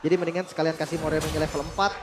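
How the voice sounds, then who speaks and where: A man's voice: on the high side, level tone, very fast, background noise. A man with an Indonesian accent giving conversational colour commentary as an esports co-caster. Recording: music behind the voice. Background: music.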